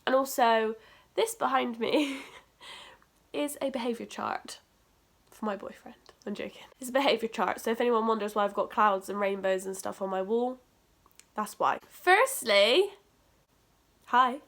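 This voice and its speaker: Young woman, stuffy nose, bright tone, slightly high, chatty, casual to-camera storytime. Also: lively intonation, unhurried, pauses often. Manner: chatty, upbeat, jokey asides. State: congested, nasal from hay fever. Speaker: vlogger. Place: bedroom at home, indoors. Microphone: camera facing her.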